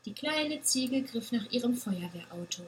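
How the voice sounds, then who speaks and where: A woman reads a children's story aloud at an unhurried pace, gently and expressively. Her voice sits a little high, with a faint hiss behind it. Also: animated, low-quality recording.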